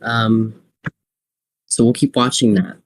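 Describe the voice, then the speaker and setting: A man hosting an unscripted live weather stream, thinking aloud in a halting, repetitive way. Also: mid-range voice, steady tone.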